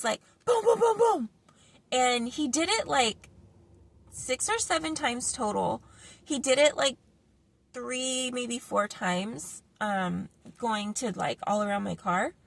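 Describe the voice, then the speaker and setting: A woman's voice: fairly high pitch, vocal fry, a bit bright. A middle-aged woman talking through a casual vlog monologue, rambling with many fillers and restarts. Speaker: vlogger. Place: parked car.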